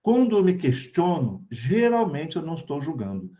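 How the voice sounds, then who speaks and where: Addressing his group by video call, this Brazilian-accented spiritist speaker keeps his spiritual talk informal and chatty, regularly checking in with tag questions. The voice is on the high side and mellow, swooping wildly in pitch at a normal speed, over dull audio.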